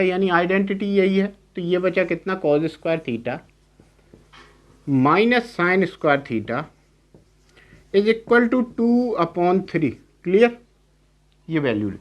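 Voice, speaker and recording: A young man teaching math in a lecture, explaining step by step and often asking "clear?" to check. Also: sits high, animated, slow, lo-fi sound. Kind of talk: classroom lecture on trigonometry.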